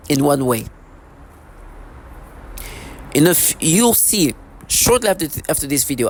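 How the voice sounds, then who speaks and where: A vlogger in his thirties speaks to camera in an unscripted, rambling monologue that is repetitive and agitated. His voice is mid-range, with slight background noise.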